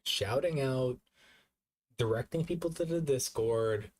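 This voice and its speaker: A man's voice: mid-range voice, a little slow, a little mellow, slight background noise. A drunk man streaming live, rambling and repeating himself as he chats casually with his viewers.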